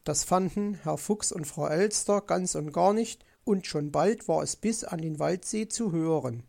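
Storybook narrator, gravelly voice, lively reading. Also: medium pitch, measured pace.

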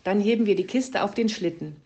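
A woman's voice: medium pitch, brisk, gravelly, mellow, muffled recording, lightly acted. A woman voicing a bossy male gnome who barks out commands in a children's story. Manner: barked commands.

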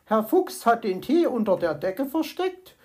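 A woman voicing a bossy, motherly female magpie nurse who talks in a brisk, self-satisfied way. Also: on the high side, very animated, darkish tone. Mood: fussing.

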